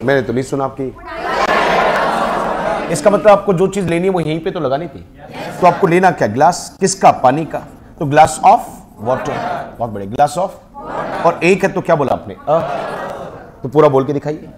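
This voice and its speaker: A man with an Indian accent leads a spoken English class in a classroom. His voice sits slightly high, and he keeps prompting the students to repeat each word after him. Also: lively intonation, moderate pace, long pauses, background noise. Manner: drills the class, prompting them to repeat words. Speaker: English teacher.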